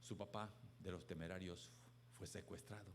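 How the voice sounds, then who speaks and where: A man preaching a sermon as pastor, telling stories with emphatic swings between hushed and loud delivery. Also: sits low, fairly even intonation, normal speed, creaky, a little hiss or hum.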